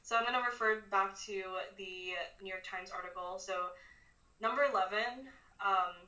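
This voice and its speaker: A woman hosts a podcast, sounding bright but set back from the microphone in an echoey space. She explains casually, with an informal and slightly hesitant delivery. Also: medium pitch, moderate pace. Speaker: podcast host. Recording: roomy echo, distant from mic.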